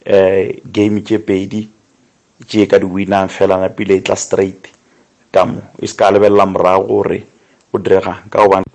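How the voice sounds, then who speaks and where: A man with a South African Sotho accent giving casual football opinions as a radio caller, deliberate and pausing between phrases. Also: low-pitched, monotone, vocal fry, darkish tone. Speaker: radio sports show caller.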